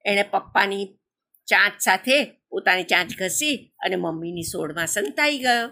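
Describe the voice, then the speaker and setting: A woman narrating a children's animal story in a lively, animated way. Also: mid-range voice, moderate pace.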